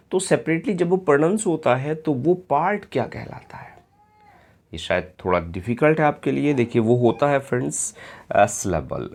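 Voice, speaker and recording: An Indian man leads an exam-prep English lesson at an unhurried pace, spelling each word out one letter at a time. His voice has a gravelly edge, and his pitch rises and falls with lively emphasis. He keeps checking in with his students to make sure they are following. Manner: slow and patient, often checks in with "clear friends?". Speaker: English teacher.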